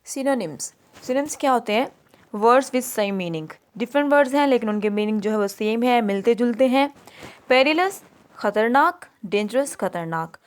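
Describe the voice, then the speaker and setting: A woman with a Pakistani accent works through a textbook exercise as a teacher. She reads each English word aloud, then explains its meaning in Urdu-Hindi, in a steady lesson pace. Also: on the high side, measured pace, clean tone.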